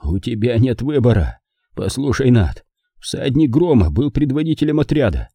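A man's voice: mid-range voice, sing-song, warm tone, husky, no echo, studio quality, pitched above the performer's own voice. A man voicing a dying older frontiersman uncle who speaks weakly and grimly, coughing between words. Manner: weak, halting, grim.

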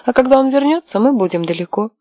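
A woman voicing a headstrong, quick-tempered young wife in an audiobook, sharp and mocking. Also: high-pitched, lively intonation, dry recording, studio quality, voice pushed up. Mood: resolute. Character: fiery defiant young wife, headstrong and scheming. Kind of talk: audiobook character voice.

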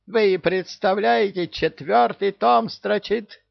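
High shrieking parrot, hysterical, loudmouthed, storybook voice, dull lo-fi sound. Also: male voice, slow, gravelly, dry recording, heavily acted. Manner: squawking, shouting, gossipy rants.

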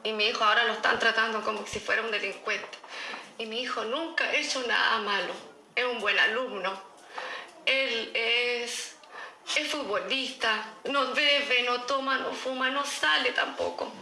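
A woman's voice: a little high, unhurried, sharp tone, reverberant, a little hiss or hum. A middle-aged woman with a Chilean accent gives an earnest, emphatic personal testimony in an interview, repeating herself as she recounts events. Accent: Chilean Spanish. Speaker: interviewee, mother of an accused teen.

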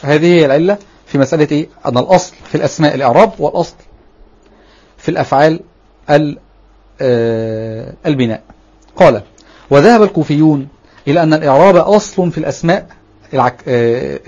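A male grammar teacher with an Egyptian Arabic accent reads from a classical text and then explains it step by step. His voice sits a little high and sounds somewhat husky. The recording is dull and lo-fi. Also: expressive, quick pace, pauses often, darkish tone. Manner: reads a text aloud then explains it, with frequent checking questions.

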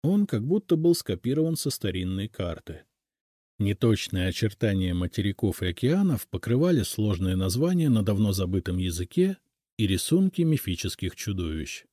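Male audiobook narrator, lively pitch, dry close sound, calm reading. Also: moderate pace, no echo. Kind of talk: scripted narration.

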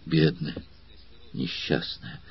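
A man's voice: a bass voice, steady tone, measured pace, breathy edge, dry recording, lo-fi sound, pitched below the performer's own voice, exaggerated voice. A man voicing a strong gladiator whose voice trembles with grief and anger. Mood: trembling. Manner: trembling with emotion, then cursing the gods.

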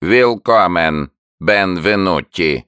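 A man reading an audiobook voices a sickly male salamander that croaks its words out slowly and with effort. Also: low voice, animated, a bit bright, no echo, studio quality, pitched above the performer's own voice, exaggerated voice. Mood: strained. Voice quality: croaking, creaky. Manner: slow, laboured words.

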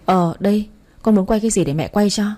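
A woman voicing a sharp-tongued older mother-in-law in a story reading, quick and mocking. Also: mid-range voice, natural voice.

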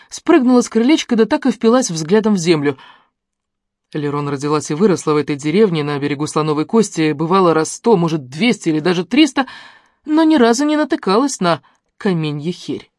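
A woman narrating a detective audiobook in a close studio setting, with expressive storytelling and lively intonation. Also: on the low side, brisk, no room sound. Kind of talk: scripted narration.

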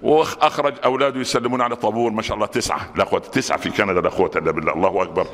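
Egyptian man preaching at a brisk clip, animated, colloquial, long hall reverb. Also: on the low side. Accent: Egyptian Arabic. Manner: colloquial and animated, rising to sudden shouts. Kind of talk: Friday sermon.

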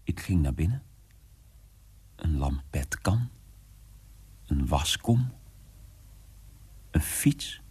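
A man's voice: rumbling low, sing-song, extremely slow, long pauses, a little mellow, husky, heavily acted. An actor playing a young son in a radio drama, confiding in his mother in a wondering, often whispered way. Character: young man telling his mother of a strange household.

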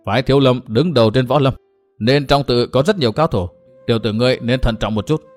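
A blunt old martial elder from a storybook adventure, voiced by a male narrator in close to his own voice. He talks plainly and gruffly, with a fatherly edge. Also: medium pitch, fast talker, soft background music, lightly acted.

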